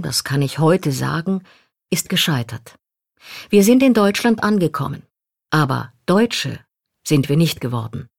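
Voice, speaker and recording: A woman reading a first-person memoir aloud in a calm, reflective manner. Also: low voice, dry recording, studio quality. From Poland. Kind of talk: scripted literary narration.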